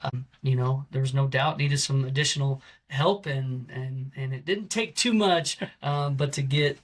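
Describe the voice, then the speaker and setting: A man's voice: mid-range voice, a little slow. A man in his forties, a head coach, talking casually in an interview with many fillers and restarts. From American Southwest. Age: 40s.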